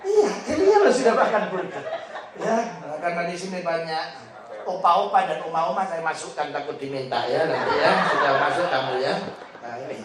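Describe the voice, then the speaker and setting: A middle-aged male pastor, preaching a humorous sermon as an animated storyteller who laughs often. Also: on the high side, normal speed, heavy background noise. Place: large hotel function hall. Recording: echoey hall, mic at a distance.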